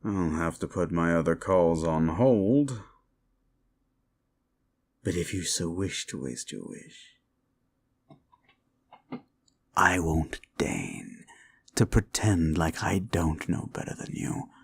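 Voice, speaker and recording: In a roleplay ASMR performance, a man plays a sinister, mocking demon, a condescending tempter hungry for souls. His low, gravelly voice is slow, theatrical and heavily acted, stretching out words with menacing contempt.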